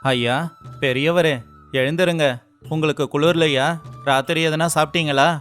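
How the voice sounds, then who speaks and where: A man's voice: a little high, steady tone, normal speed, a bit bright, clear, resonant tone, faint music behind, close to an everyday voice. A man voicing a poor young fisherman who laments earnestly and tearfully in a storybook tale. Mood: kind, concerned. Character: poor young fisherman, despairing yet kind. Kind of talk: storybook voice acting.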